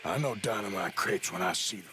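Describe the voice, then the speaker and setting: An actor playing a rugged, wry American outlaw in a Western game, with a gravelly, dry drawl. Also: male voice, low voice, fairly quick, bright, forceful tone, a little hiss or hum. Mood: calculating. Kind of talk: video game voice acting.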